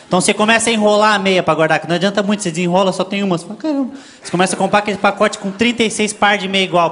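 A man with a Brazilian accent performing a stand-up routine, telling stories in an animated way and imitating voices. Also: sits high. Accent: Brazilian Portuguese. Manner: animated storytelling, frequent voice imitations. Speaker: stand-up comedian. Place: comedy stage before a live audience. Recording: live show, crowd laughter and noise.

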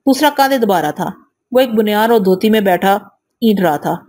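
A woman reading an audio novel aloud in first person, steady and measured. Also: medium pitch.

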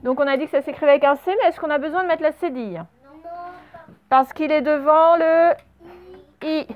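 A woman teaching young children a spelling and dictation lesson, speaking slowly and patiently and spelling words out letter by letter. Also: high-pitched. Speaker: primary school teacher. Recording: slightly dull, lo-fi home recording.

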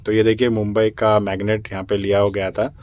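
A young Indian man who works as crew on a cruise ship films his small cabin and bathroom on a handheld phone, walking through them step by step in a casual vlog tour. His voice is fairly low and brisk, a little mellow, with little pitch movement, and the audio sounds dull.

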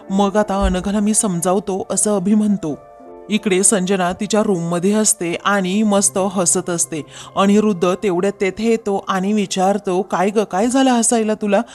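A woman's voice: mid-range voice, a little mellow. Woman retelling a serial over faint music. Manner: reads every character's lines in her own voice. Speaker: serial episode recap narrator.

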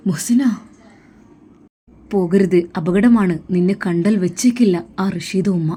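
A woman's voice: mid-range voice, unhurried, mellow, breathy edge. A woman voicing a caring man, a respected teacher, urging a young woman earnestly. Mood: urgent. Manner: earnest, urgent pleading.

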